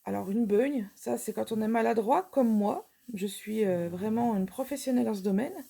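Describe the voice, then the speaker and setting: A woman's voice: fairly high pitch, moderate pace, creaky. A woman in her forties from Franche-Comté with a marked Franc-Comtois accent, chatting casually as host of her own channel. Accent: Franc-Comtois French. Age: 40s. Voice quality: strong regional vowels on A and O. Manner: chatty and warm about her region, playful quizzes. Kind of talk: casual chat to camera.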